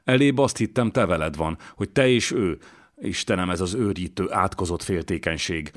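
A man's voice: low-pitched, lightly acted. A man reading an audiobook voices a distraught young male scholar who speaks in agitated, urgent bursts.

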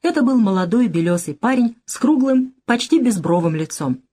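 A woman narrating an audiobook of classic prose in an even, measured reading. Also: a little high, husky.

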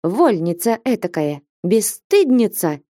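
A woman's voice: mid-range voice, big pitch swings, slow, mellow, dry recording, clean studio sound. A woman voicing a stern, grumbling older nun in a storybook reading. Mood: scolding. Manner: scolding, grumbling.

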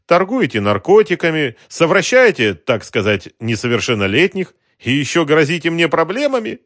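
A man's voice: on the high side, big pitch swings, moderate pace, fairly bright tone, dry recording, studio quality, voice pushed up. A man voicing a polite, mocking racketeer in a suit who talks down to a shopkeeper. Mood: cold, mocking. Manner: mocking, coldly courteous. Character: sly polite middle-aged male racketeer in a suit.

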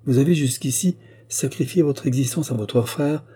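A man reading the lines of a calm, kindly and authoritative old prince in an audiobook, speaking evenly and quietly commanding. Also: mid-range voice, moderate pace, breathy edge, pitched above the performer's own voice, lightly acted. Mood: calm authority. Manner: even, quietly commanding delivery.

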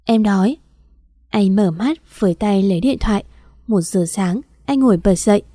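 A woman reads a story aloud in an even, measured way. Her voice is dark and mellow at a middle pitch, and the recording is dry and close with no room sound. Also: no echo. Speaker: story narrator. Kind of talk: scripted story narration.

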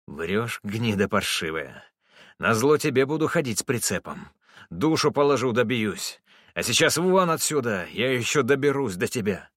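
A man's voice: mid-range voice, big pitch swings, normal speed, a bit bright, dry recording, clean studio sound. A man voicing a proud, hot-tempered young male truck driver who speaks curtly and harshly. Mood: furious. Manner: harsh, curt, raised voice.

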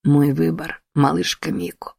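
A woman voicing a dying male fox spirit who speaks faintly, with breathy tenderness. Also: low voice, fairly even intonation, unhurried, no echo, studio quality, exaggerated voice. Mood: faint tender. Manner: soft, tender, fading.

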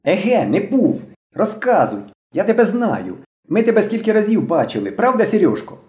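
A wiry, overexcited boy barks orders in a high, strained voice, as a man reads him aloud. He is a bossy little squad leader who never stops shouting, heard in a storybook recording with a roomy echo. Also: big pitch swings, moderate pace. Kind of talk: audiobook reading.

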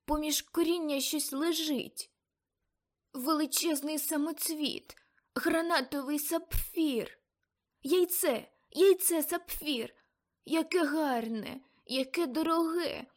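A woman's voice: sits high, slow, pitched above the performer's own voice. A woman doing an old aunt crying out a vision. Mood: dreamy. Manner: breathless, exclaiming, rising to cries. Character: elderly aunt, a seer lost in a frantic vision.

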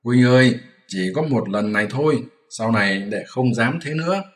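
A man's voice: medium pitch, expressive, moderate pace, lightly acted. A man voicing a lazy, fearful pig-monk who pleads and blusters in a whiny, flustered way, in a storybook reading. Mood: pleading. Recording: roomy echoey room.

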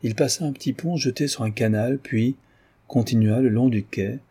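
A man reading a classic novel aloud as an audiobook, in a calm, even way. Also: mid-range voice, moderate pace, husky. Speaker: audiobook narrator. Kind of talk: literary audiobook narration.

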